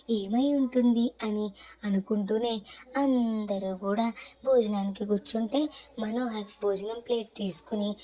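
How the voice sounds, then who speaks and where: Mellow woman narrating an audio story. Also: mid-range voice.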